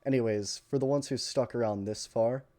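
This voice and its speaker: A man's voice: mid-range voice, normal speed, mellow. A man giving casual commentary, blunt and sarcastic, swearing freely. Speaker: commentary youtuber.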